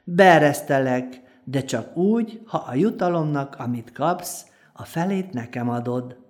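A woman's voice: low-pitched, animated, darkish tone. A woman voicing a greedy, scheming palace guard in a folk tale, speaking mockingly and haggling. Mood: scornful.

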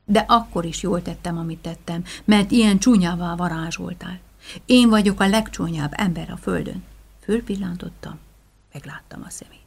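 Gravelly woman telling a whispered folk tale. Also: medium pitch. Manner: swings between hushed whispers and loud, rhythmic chanted lists. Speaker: storyteller. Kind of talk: dramatic first-person folk tale telling.

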